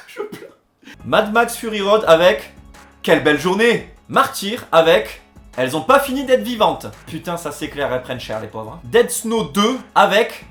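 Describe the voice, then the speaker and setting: A man hosts a comedy video and jokes sarcastically in a mock-dramatic way. His voice sits high and swings all over the place. The recording has a roomy echo and faint music underneath. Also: a bit bright. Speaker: host of a comedy video series.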